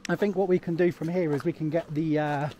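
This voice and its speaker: Man in his thirties vlogging on a hike, fairly high voice, rambly chat, faint wind outside. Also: fairly even intonation, brisk, warm tone, highs cut off. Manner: rambling, chatty, laughs often, many fillers. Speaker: travel vlogger. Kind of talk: casual vlog chat while hiking. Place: snowy mountain path outdoors. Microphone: camera held at arm's length.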